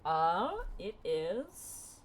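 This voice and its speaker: A woman's voice: fairly low pitch, very animated, very slow, a little hiss or hum. A woman running a tabletop game as game master, laughing often and swearing freely.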